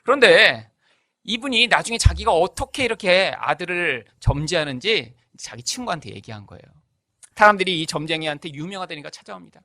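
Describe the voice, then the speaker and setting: A man's voice: high voice, expressive, a little fast, bright, forceful tone, no room sound. A man preaching a sermon as pastor. He keeps asking the congregation rhetorical questions and acts out the voices in his stories. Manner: tells stories with acted-out voices.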